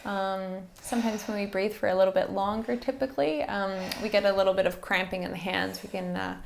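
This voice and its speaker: A woman instructor softly guiding a breathing exercise in a soothing, encouraging manner, with background noise in the recording. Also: medium pitch, fairly quick. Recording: faint-to-clear background noise and ambience.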